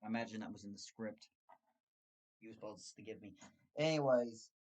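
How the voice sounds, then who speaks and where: A man hosting his channel, telling a story about a scam call in a sarcastic, animated way. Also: lowish voice, fairly quick. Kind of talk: casual storytelling monologue.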